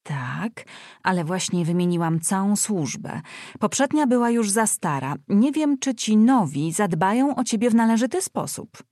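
A woman reading aloud, voicing a fussy, scolding older aunt who talks in an excitable, bossy way. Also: medium pitch, moderate pace, no echo, clean studio sound, pitched above the performer's own voice, close to an everyday voice.

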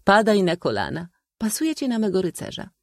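Brief: man voicing a sharp-tongued spinster aunt, shrill and declamatory, lively swoops, dry close sound. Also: a little fast, vocal fry, dry recording, heavily acted. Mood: teasing. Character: theatrical, sharp-tongued old maid aunt. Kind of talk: audiobook reading.

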